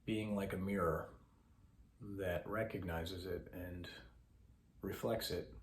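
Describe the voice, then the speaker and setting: Low-voiced man guiding a meditation. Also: echoey room, a little hiss or hum. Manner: slow, calm, pausing instructions. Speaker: mindfulness instructor. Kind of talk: guided meditation.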